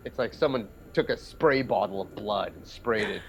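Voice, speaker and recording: Gravelly-voiced man, eager player. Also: lowish voice, normal speed, slight background noise, rough recording. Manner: enthusiastic, rambling description. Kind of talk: casual chat.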